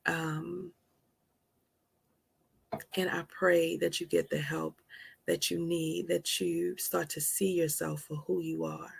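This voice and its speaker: A woman hosting a motivational live stream, dropping to soft whispers for emphasis and calling listeners honey. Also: lowish voice, lively intonation, slow, vocal fry, long pauses, husky.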